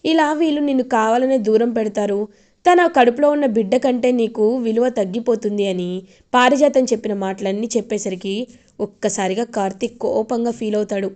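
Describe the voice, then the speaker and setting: A woman retelling the plot of a TV serial in a chatty, animated way. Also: on the high side, brisk.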